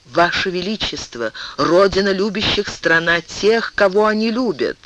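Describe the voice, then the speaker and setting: A man's voice: high voice, lively intonation, moderate pace, fairly bright tone, no room sound, dull audio, voice pushed up. A man reading an audiobook, voicing a young, ardent English duke who pleads earnestly and with emotion. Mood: impassioned.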